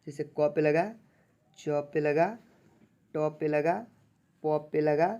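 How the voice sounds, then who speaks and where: A patient teacher in an online lesson, stretching out each syllable slowly and repeating examples. The voice sits at a middle pitch and keeps asking if the friends watching understand. The delivery stays steady and instructive. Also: clear, resonant tone. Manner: patient, repetitive, checks understanding often; sounds out syllables slowly and drawn out. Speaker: Hindi teacher.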